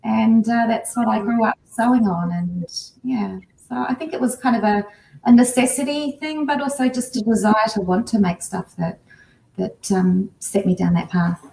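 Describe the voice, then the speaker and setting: A chatty woman answers interview questions in a relaxed, easygoing way, laughing now and then. She is heard over a video call from a roomy, echoing space. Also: a little high, moderate pace, vocal fry. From New Zealand. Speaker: guest artist.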